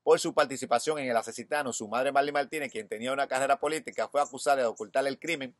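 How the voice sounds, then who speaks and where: A man's voice: mid-range voice, fast talker, no room sound, studio quality. A man in his thirties with a Dominican accent, hosting a news show outdoors, reading headlines and then giving his own opinion. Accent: Dominican Spanish. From Dominican Republic. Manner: reads headlines, then adds personal opinion. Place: outdoors in front of a hedge.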